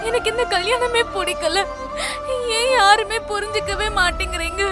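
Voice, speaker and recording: A distraught young bride, crying and desperate as she refuses her marriage. Her voice is very high. Background score music plays beneath. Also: normal speed. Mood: tearful. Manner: desperate, pleading. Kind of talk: TV serial acting.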